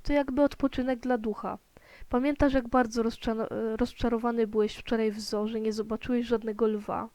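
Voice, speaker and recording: A woman voicing a kind, patient mother in a children's storybook, explaining things gently to her son. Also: on the high side, little pitch movement, moderate pace, no room sound, close to an everyday voice.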